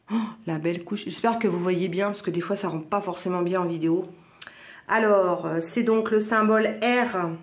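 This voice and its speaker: A woman from northern France with a northern French accent, chatting excitedly through a crafts unboxing at home, full of little exclamations. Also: medium pitch. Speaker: crafts vlogger. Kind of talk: casual product unboxing. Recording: roomy echo.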